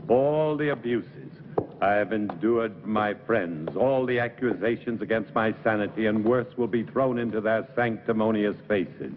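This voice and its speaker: An older actor playing an obsessed, embittered scientist in a gothic horror film, with a grandiose, theatrical, declamatory manner. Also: male voice, lowish voice, moderate pace, close to an everyday voice. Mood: bitter, defiant. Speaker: doctor. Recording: muffled phone-like old film, noisy.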